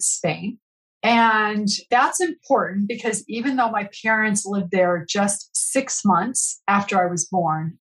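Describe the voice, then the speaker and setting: A middle-aged Californian woman, appearing as a podcast guest, speaks earnestly and reflectively about her own life in an interview of reflective storytelling. Her voice is mid-range, and the recording is rough.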